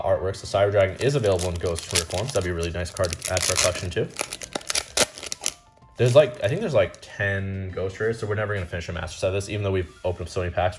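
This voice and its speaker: A man's voice: deep voice, fast talker, music in the background. A young man hosting his channel, casually rambling as he opens trading card packs, with fillers and restarts. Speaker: card-opening channel host. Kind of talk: casual unboxing commentary.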